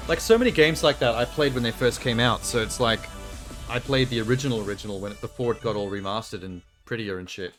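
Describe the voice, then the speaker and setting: A man's voice: medium pitch, quick pace, fairly bright tone. A man with a mid-range voice gives casual live reactions as a streamer. He is blunt and offhand, dropping swear words as he goes. Faint music plays behind him. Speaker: livestreamer reacting to a game show broadcast.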